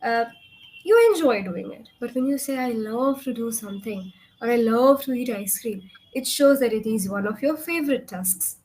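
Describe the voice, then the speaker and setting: High-pitched young Indian woman tutoring. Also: expressive, moderate pace, a little mellow. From Kolkata, India. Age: young adult. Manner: instructive, frequent check questions. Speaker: English communication tutor. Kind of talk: one-on-one spoken English lesson.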